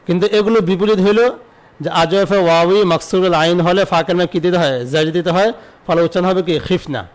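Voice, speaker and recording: A man teaching an online Arabic grammar lesson, asking his own questions and answering them, repeating word forms slowly. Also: sits high, clear, resonant tone.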